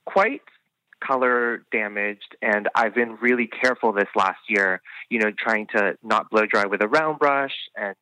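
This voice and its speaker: A man's voice: lowish voice, measured pace, pushed and bright, no echo, rough recording. A man who works as a hairstylist, chatting enthusiastically as a podcast guest, full of "I mean" and "you know". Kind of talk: casual podcast interview chat.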